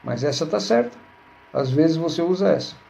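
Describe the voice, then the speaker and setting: Gravelly man teaching Hebrew grammar. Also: fairly high pitch, animated, normal speed, darkish tone. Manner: patient, repeats words and asks "né?". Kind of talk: explaining grammar lesson. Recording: dull lo-fi recording.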